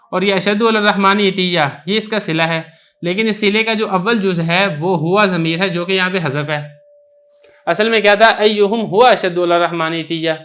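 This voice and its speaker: A man's voice: high voice, fairly bright tone. A man with an Urdu accent teaching Arabic grammar, explaining a text step by step and reciting Arabic examples.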